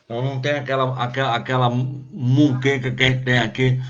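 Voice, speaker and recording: A man's voice: medium pitch, flat delivery, brisk, muffled recording. A man with a Brazilian Portuguese accent, a radio host who reads out listener questions with many fillers and apologies.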